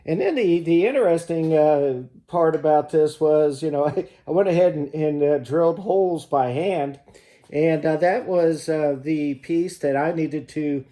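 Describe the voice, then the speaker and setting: A man hosting a prepping vlog, talking casually to camera in a halting way with frequent mid-phrase pauses. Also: a little high, mellow. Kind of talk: casual demonstration talk to camera.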